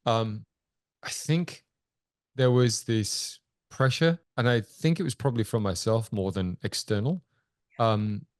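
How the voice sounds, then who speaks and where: A man co-hosting a podcast, a father speaking earnestly and thoughtfully, pausing and restarting as he works through his ideas. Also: medium pitch, dry recording, clean studio sound. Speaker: podcast co-host. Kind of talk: reflective interview talk.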